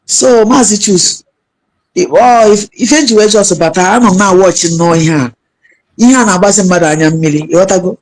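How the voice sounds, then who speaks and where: A woman's voice: mid-range voice, moderate pace, a little mellow, low-quality recording. A woman caller with a Nigerian Igbo accent, talking in an agitated, repetitive way and switching between languages. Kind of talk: impassioned call-in talk mixing languages.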